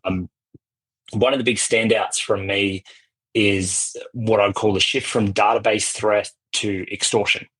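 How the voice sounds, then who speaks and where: A man's voice: on the low side, fairly even intonation, a little slow, a bit bright, breathy edge, rough recording. A middle-aged man with an Australian accent, speaking as a guest in a podcast interview, talkative and prone to restarting his sentences. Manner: talkative, many restarts and repeated words. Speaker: guest, cybersecurity vendor executive.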